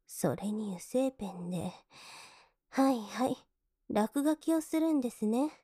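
A woman's voice: a little high, expressive, a little slow, husky, dry recording, clean studio sound. A woman playing a scornful young maid. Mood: mocking. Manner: politely contemptuous, mocking; drops into soft whispers to sneer. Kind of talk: adult audio drama.

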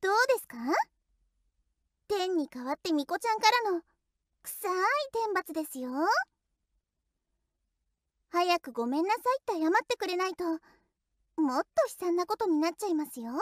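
A woman's voice: very high voice, expressive, moderate pace, long pauses, no echo, studio quality. Woman voicing a teasing young shrine maiden. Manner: polite, sing-song teasing. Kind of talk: audio role-play drama.

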